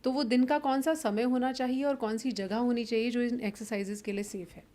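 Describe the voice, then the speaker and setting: Female health-show host, polite formal questions, slightly high pitch. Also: fairly even intonation, fairly quick, dark tone. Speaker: interviewer, host. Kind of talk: interview questions.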